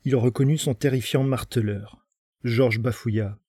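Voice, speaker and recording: A man narrating a dramatic story in an expressive, theatrical way. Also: medium pitch, unhurried, husky, no room sound.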